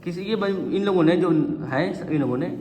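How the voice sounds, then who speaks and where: Male teacher, slightly high voice, patient coaxing classroom tone, echoey hall. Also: darkish tone. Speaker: Quran reading teacher. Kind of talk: classroom Quran recitation lesson.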